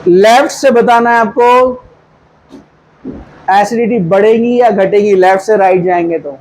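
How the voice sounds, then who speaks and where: High-voiced man teaching a chemistry class. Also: measured pace, a little mellow, rough recording. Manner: coaxing, quizzing students with repeated questions. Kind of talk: classroom lecture.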